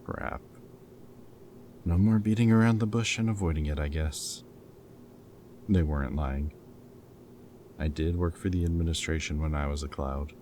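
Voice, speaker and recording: Over clearly audible background noise, a man with a very low, mellow voice plays a captured rebel scientist in an intimate dramatic audio roleplay. Caring and weighed down by guilt, he sounds reluctant and confessional. His delivery is hesitant and halting, casual yet earnest.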